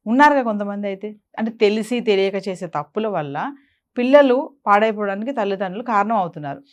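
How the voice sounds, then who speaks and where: A woman's voice: mid-range voice, fast. A woman with a Telugu accent, hosting an interview and putting brief prompting questions to her guest. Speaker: interviewer host.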